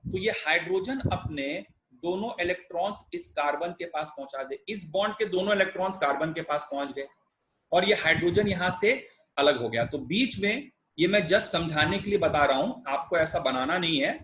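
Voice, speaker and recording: A man's voice: fairly high pitch, lively intonation, moderate pace, bright, forceful tone, rough recording. A young man teaching chemistry in a conversational way, often checking that students are following. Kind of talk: explaining a lecture.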